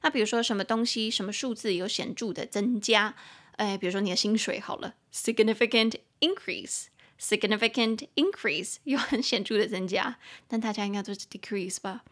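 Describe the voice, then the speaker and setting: A woman hosting a casual podcast lesson, translating phrase by phrase and spelling words letter by letter, chatty and quick to joke. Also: mid-range voice, a bit bright. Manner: chatty and joking, laughs easily. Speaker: English teacher and podcast host.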